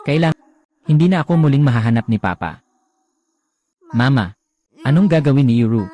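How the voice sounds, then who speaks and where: A man's voice: medium pitch, expressive, fairly quick, mellow, lightly acted. A man voicing a meek, mistreated little village girl in a drama recap voice-over, with pleading, plaintive speech.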